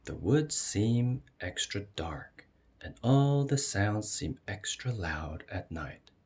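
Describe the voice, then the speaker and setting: A man reading a children's picture book aloud as an expressive storyteller. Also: lowish voice, takes it slowly, breathy edge. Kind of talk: expressive read-aloud narration.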